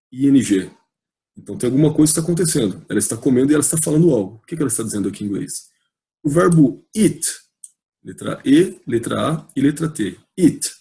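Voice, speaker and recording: A man's voice: mid-range voice, mellow. A man with a Brazilian Portuguese accent teaching an English grammar video lesson, patient and repetitive, spelling out letters as he explains.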